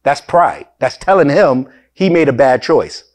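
Animated preaching man. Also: medium pitch, a little slow. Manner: animated preaching with bursts of laughter and emphatic rises. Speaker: pastor. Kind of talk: sermon.

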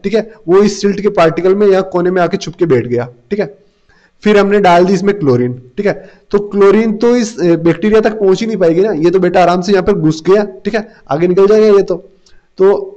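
Male exam tutor, high mellow voice, lo-fi sound, lectures in a question-and-answer way. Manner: repeats "theek hai" often, reads English notes slowly, then explains; asks and answers his own questions. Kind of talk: classroom-style lecture.

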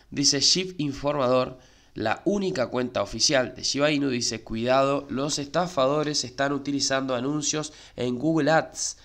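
With a medium-pitched, fairly bright voice, this Argentine-accented YouTuber talks crypto markets with his viewers in a relaxed, chatty way. He keeps repeating the filler "eh" and tossing in "¿sí?".

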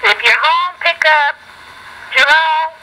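A woman's voice: high voice, takes it slowly. Businesslike woman on old worn tape. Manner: formal, businesslike. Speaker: debt collection agent leaving a message. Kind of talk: scripted formal voicemail message. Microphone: telephone line onto microcassette, played back. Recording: old worn answering-machine tape, faint noise.

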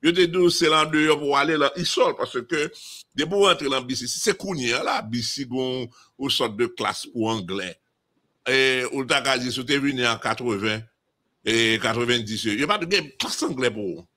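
A man's voice: medium pitch, animated, moderate pace, sharp tone. A man from Haiti with a Haitian accent, talking emphatically in a casual discussion and often repeating and restarting phrases.

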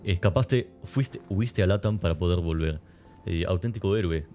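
Young male streamer, deep voice, rambling chat banter with a nagging cough, game music under a desk mic. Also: moderate pace, mellow. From Spain and Argentina. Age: young adult. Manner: rambling, joking, answering chat. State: persistent cough. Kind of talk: casual gameplay commentary, reading chat. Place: home streaming room. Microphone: desk mic near webcam.

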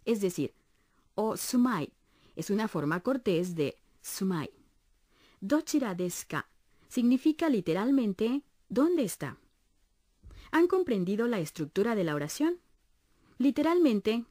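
A woman's voice: fairly high pitch, sing-song, unhurried, long pauses, mellow, no echo, clean studio sound. A woman teaching a language on a radio course in scripted narration. She explains each point patiently and encourages the listeners.

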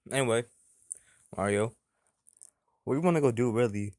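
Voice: medium pitch, normal speed, darkish tone, no echo, clean studio sound, close to an everyday voice. A performer voicing a dim-witted, laid-back male chef puppet in a plush comedy sketch, mumbling and trailing off hesitantly.

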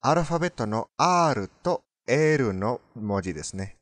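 Guy breaking down pronunciation in japanese, bouncy pitch, dry close sound. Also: lively intonation, no echo. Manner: explains slowly, repeats words to model pronunciation. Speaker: Spanish tutor commenting on a learner. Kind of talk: casual language lesson commentary.

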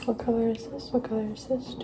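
A young adult woman doing fast, aggressive ASMR, speaking softly and often whispering in rapid, repeated short phrases and questions. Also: fairly high pitch, flat delivery. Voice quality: soft, breathy, often slipping into whisper. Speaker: ASMR creator. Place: home kitchen, indoors. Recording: loud washing machine noise, tapping clicks.

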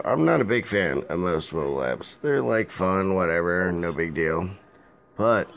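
A young man, drunk, giving a rambling casual vlog rant in a halting, loose way and repeating himself, recorded on a phone held at arm's length in a small room at home. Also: lowish voice, slight background noise.

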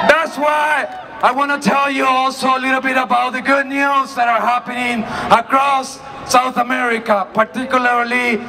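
A man from Chile giving a shouted protest speech at an outdoor rally, his voice worn out from yelling. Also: very high voice, gravelly. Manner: impassioned, rallying. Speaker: rally speaker. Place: outdoor city rally in front of a large building. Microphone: far camera in the crowd. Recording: distant voice over a noisy crowd. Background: cheering crowd.

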